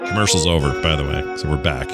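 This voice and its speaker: A man's voice: extremely low pitch, quick pace, over loud music. A man hosting a casual reaction to an old TV show, rambling with joking asides. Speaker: reaction host.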